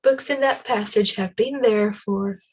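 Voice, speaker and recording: A woman voicing a fussy, pompous middle-aged male town clerk who recites rules, in a breathy voice. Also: mid-range voice, measured pace, darkish tone, low-quality recording. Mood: pedantic.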